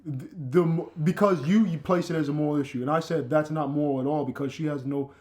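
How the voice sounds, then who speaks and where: A man's voice: a little high, steady tone, brisk, darkish tone. A man debating casually, contradicting firmly and repeating himself for emphasis.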